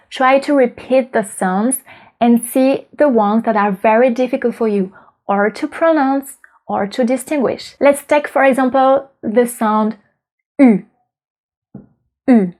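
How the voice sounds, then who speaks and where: Lady teaching pronunciation, bit high voice, upbeat and clear. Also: darkish tone. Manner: upbeat, demonstrates sounds slowly and clearly. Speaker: French teacher. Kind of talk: pronunciation lesson to camera.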